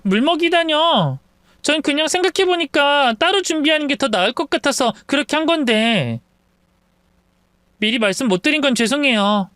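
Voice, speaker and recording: A man's voice: extremely high pitch, lively intonation, moderate pace, sharp tone, no room sound, studio quality, voice pushed up, exaggerated voice. A man putting on a sneering scheming sister-in-law. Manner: sneering, mock-sweet, whiny when feigning tears. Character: scheming spiteful young sister-in-law, woman.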